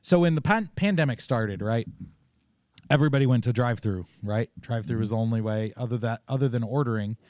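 Rambling through stories full of restarts and side comments, an Oregon man co-hosts a casual faith chat show. He talks briskly at an ordinary pitch with a darkish tone, recorded dry and close without any echo or room sound.

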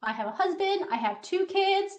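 A Taiwanese-born woman in her thirties who grew up in the United States, a scientist, gives a friendly, explanatory talk to kids over a video call, dropping in filler uhs. Her voice is extremely high and expressive, at a moderate pace, with the highs cut off.

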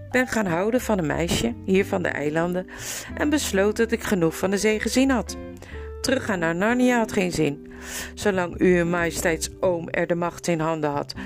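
A woman's voice: mid-range voice, lightly acted. A woman reading aloud, voicing a grave middle-aged male noble lord who speaks in an earnest, courtly way.

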